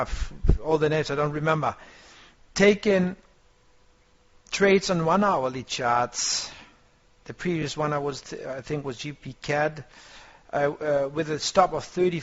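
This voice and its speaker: Man, trading course instructor, rambling and motivational, fairly high voice, dull lo-fi audio. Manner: motivational, coaching tone; rambling, searches for words. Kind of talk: online course lecture.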